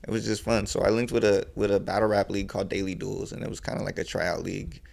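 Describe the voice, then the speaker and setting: Low, flat, gravelly young man. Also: fast. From California. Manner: laid-back, rambling, heavy swearing and fillers. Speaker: podcast guest, battle rapper. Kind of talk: casual podcast chat.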